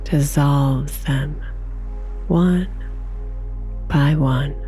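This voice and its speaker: A woman guiding a sleep meditation in a soft, slow, soothing whisper. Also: low-pitched, steady tone, faint music behind.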